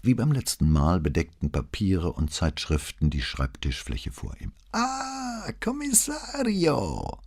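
A man reading a crime novel as an audiobook, calm and measured, acting out the dialogue. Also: rumbling low, slightly rough. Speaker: audiobook narrator. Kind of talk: scripted narration of a crime novel.

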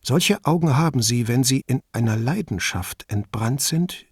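A man's voice: mid-range voice, lively intonation, moderate pace, breathy edge, no room sound. A man reading the part of a witty wife who teases her husband in a playful, dry way, in a slightly raised voice. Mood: teasing. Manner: wry, playful teasing. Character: witty teasing Italian wife, adult woman.

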